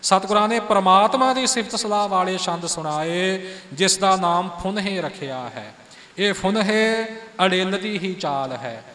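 A man teaching Sikh scripture, explaining its verse forms calmly and singing lines slowly to show how they should be pronounced. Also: high-pitched, big-room sound. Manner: explains calmly, then sings lines slowly to model pronunciation. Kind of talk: teaching correct recitation of scripture.

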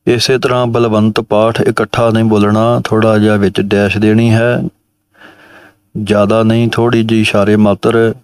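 Low steady guy, slow and even, chants a line then breaks it down, real clean voice, dry room. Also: clear, resonant tone, no room sound. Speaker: Gurbani pronunciation teacher. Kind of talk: recitation lesson.

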